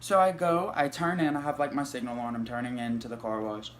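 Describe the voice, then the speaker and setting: Young male vlogger, light voice, mid-pitched, animated and foul-mouthed storyteller. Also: fairly quick, slight background noise. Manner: animated, profane storytelling with many fillers. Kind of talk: storytime vlog.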